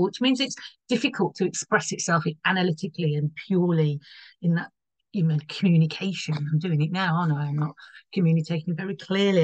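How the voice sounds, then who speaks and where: A woman with a croaky voice explaining an astrology chart, rambling a little and correcting herself as she goes. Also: fairly low pitch, no room sound, poor audio. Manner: rambling, loses her thread and corrects herself.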